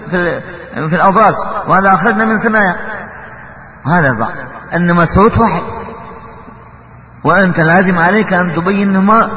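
A man teaching Quran recitation, explaining how letters are articulated and slipping into slow chanted verses. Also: high voice. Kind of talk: tajwid lesson. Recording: echoey hall, dull lo-fi sound.

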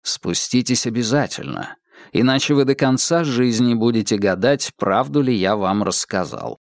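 A man voicing a calm, commanding male detective in a whispered role-play, his whisper low and steady. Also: moderate pace, vocal fry, dry recording, clean studio sound.

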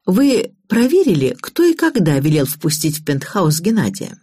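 A woman voicing an inquisitive, sharp-tongued older mother-in-law who talks bluntly in quick exclamations. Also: lowish voice, very animated, husky, dry recording, studio quality. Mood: probing.

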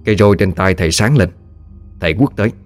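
A man narrating a ghost story in a lively, colloquial way. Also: sits low, fast, faint music behind.

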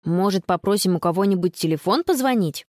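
A woman's voice: medium pitch, lively intonation, brisk, darkish tone, dry recording, clean studio sound, lightly acted. A woman voicing a practical, matter-of-fact young girl in a storybook reading.

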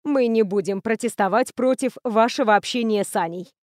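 A woman voicing a stern older female professor and matriarch who speaks in a brisk, authoritative way. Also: on the high side, no echo, studio quality, lightly acted.

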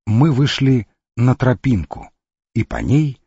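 A man narrates an expedition memoir in a measured, steady audiobook reading. His voice is husky and dark. The recording is dry and dull, with a lo-fi edge. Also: mid-range voice, no echo. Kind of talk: scripted narration of an adventure memoir.

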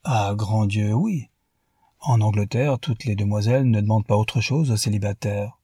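A man's voice: on the low side, moderate pace, mellow, husky, no echo, clean studio sound. A man voicing a silly young English lord in an audiobook, with a foolish, blunt manner. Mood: simpering.

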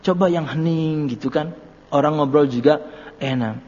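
A man's voice: a little high, moderate pace, a little mellow. Male Islamic teacher, chatty humorous sermon style; dull lo-fi recording in a reverberant hall. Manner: chatty storytelling with jokes and laughter. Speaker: ustadz teaching a book study.

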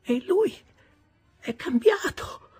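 A man voicing an imperious, gloating old jilted woman in a high, breathy, half-whispered, drawn-out voice. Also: sing-song, darkish tone, full character voice. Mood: mocking.

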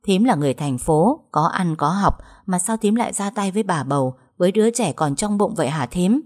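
A woman's voice: on the low side, animated, brisk, darkish tone. A woman voicing a stern man who lectures his sister-in-law indignantly.

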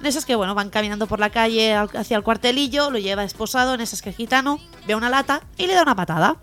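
A woman's voice: fairly high pitch, lively intonation, racing, a bit bright, soft background music. Woman acting out jokes on the radio. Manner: storyteller, acts out dialogue in jokes. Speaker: radio show host. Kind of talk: joke telling on radio. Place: radio studio.

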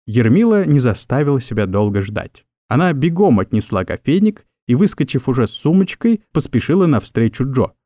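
A man narrating an audiobook story in an expressive storytelling manner. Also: medium pitch, moderate pace, few pauses, no echo, clean studio sound. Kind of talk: scripted narration.

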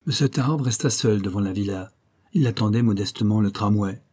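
A slightly rough male voice reads a classic detective novel aloud at a fairly quick clip, the audiobook narrator keeping the storytelling steady while raising his pitch for dialogue.

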